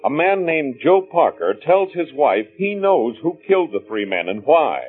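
A man's voice: mid-range voice, slightly rough. A man announcing and narrating a scene in an old radio drama, heard as an old radio broadcast. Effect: old radio broadcast sound. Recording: thin, narrow old radio broadcast with music behind.

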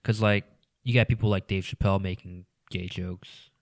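A man's voice: deep voice, steady tone, normal speed, no room sound, studio quality. A man talking as a guest on a casual podcast, rambling with many "you know"s and trailing into mumbles.

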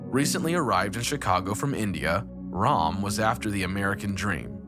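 Male narrator, deep and expressive, scripted devotional narration with music underneath. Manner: measured storytelling with lively intonation. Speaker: narrator of a devotional story podcast. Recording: narration over clear background music.

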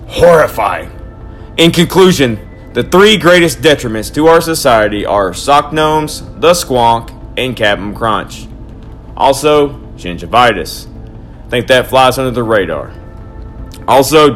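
An actor playing an excitable young man who rants theatrically about his odd grudges. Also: low-pitched, natural voice. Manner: dramatic, ranting, overblown. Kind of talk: hobby audio drama.

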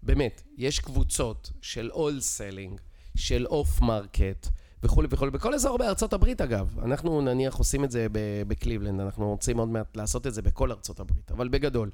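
A man's voice: mid-range voice, lively intonation, warm tone. A middle-aged man with an Israeli accent explains in casual conversation, insistent and teacherly, often checking with rhetorical questions. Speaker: real estate expert guest.

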